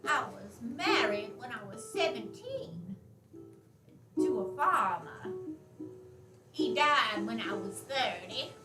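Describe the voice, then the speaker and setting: A woman playing a feeble, indignant grandmother of eighty-six in a stage play, with a folksy, complaining, drawn-out delivery. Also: a little high, very animated. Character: feeble, indignant 86-year-old farm widow grandmother, folksy and chatty. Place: theater stage, distant mic. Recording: echoey stage from far off, background music.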